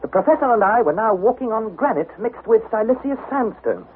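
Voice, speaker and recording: On a thin, noisy vintage radio recording with narrow, tinny audio, an actor plays an earnest, anxious young nephew, narrating and acting in an old radio adventure with precise, dramatic delivery. His high voice is animated and brisk, and the mood is tense yet measured.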